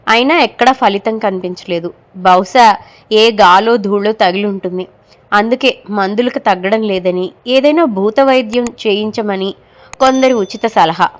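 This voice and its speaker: A woman narrating a horror audio story in a measured, dramatic storytelling manner. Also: mid-range voice.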